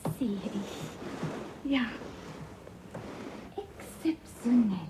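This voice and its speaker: A brazen, whispering blind nun. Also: female voice, a little high, expressive, extremely slow, very noisy. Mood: curious. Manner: hushed, teasing, often whispering.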